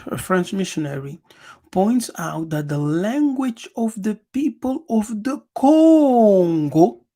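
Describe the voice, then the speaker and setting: A man from Angola gives a lecture, reading passages aloud and then commenting on them. His voice is gravelly and he speaks very slowly. He is emphatic, repeats key words and keeps punctuating with "yes". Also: sits high, warm tone. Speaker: channel host.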